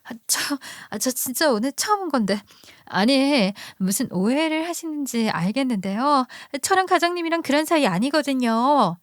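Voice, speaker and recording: A woman's voice: high-pitched, animated, moderate pace, no room sound, clean studio sound, voice pushed up. A woman voicing a brazen young mistress who speaks with sugary politeness while defending the affair. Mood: flustered. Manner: sweetly polite, then boldly defiant.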